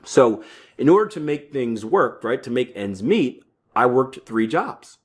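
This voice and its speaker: Unhurried and sing-song, his medium-pitched voice carries a casual solo podcast episode about trading psychology. The host is a man in his early thirties who keeps tacking "right?" onto sentences, restarts himself often, uses fillers, and makes offhand asides.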